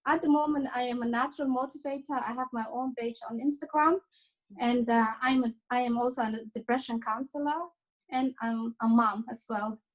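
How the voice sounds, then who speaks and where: A woman's voice: fairly high pitch, steady tone, moderate pace, poor audio. A woman counselor introducing herself plainly and steadily on an online panel.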